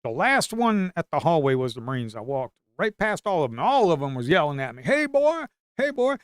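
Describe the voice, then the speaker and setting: Speaking in a mid-range voice that's very animated and a little fast, a middle-aged man with a Blue Ridge Appalachian Southern accent tells rambling, crude, folksy stories in casual chat on a trading stream, hollering at times. His tone is clean, and the recording is dry, studio-grade.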